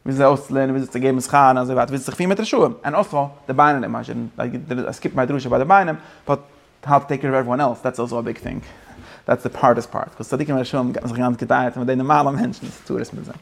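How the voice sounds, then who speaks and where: A man's voice: mid-range voice, fast, gravelly. A man teaching a Torah class, switching between English phrases and his main language, with frequent restarts.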